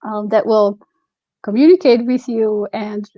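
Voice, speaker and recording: A native Slovak woman with a Slovak accent touched by Nova Scotian, talking casually and reflectively as an interview guest, often pausing to find her words. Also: mid-range voice, steady tone, no echo, highs cut off. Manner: reflective, halting, searching for words. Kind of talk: casual conversational storytelling.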